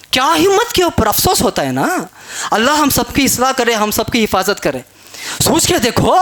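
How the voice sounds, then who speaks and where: A man delivers a Friday sermon in a mosque, his voice pitched very high for a man and ringing with a forceful brightness. He hammers home his points with repeated rhetorical questions and rises at moments into shouting. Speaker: preacher giving the Friday sermon.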